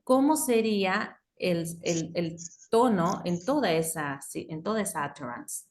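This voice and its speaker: A woman's voice: fairly low pitch, expressive, measured pace, a little mellow. Argentine woman teaching phonology. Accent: Argentine Spanish. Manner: mixes Spanish and English, checks understanding often. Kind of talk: online class explanation.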